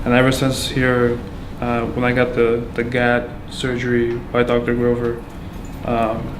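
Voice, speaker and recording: A man from Afghanistan giving a candid account as a patient, halting and full of fillers and restarts. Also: medium pitch, monotone. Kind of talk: candid personal testimony. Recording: echoey room with background noise.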